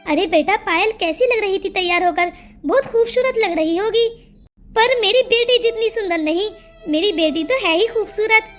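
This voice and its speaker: A woman's voice: very high voice, moderate pace, fairly bright tone, faint music behind. A woman voicing a worried, loving village mother in a cartoon story, fussy and coaxing, turning to scolding. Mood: fond. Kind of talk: cartoon voice acting.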